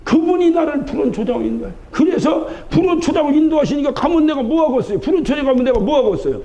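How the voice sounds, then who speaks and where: Preaching in a church sanctuary, a pastor from Chungcheong, Korea, hammers his points home with rhetorical questions. He talks fast, in a very high-pitched, dark voice with lively intonation. It's a dull broadcast recording of the service.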